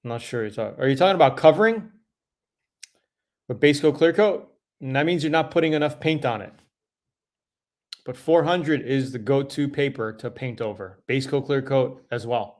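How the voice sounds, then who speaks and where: A man's voice: medium pitch, normal speed. A middle-aged man hosting a casual live Q&A, answering viewer questions in a loose, conversational way with fillers and self-corrections.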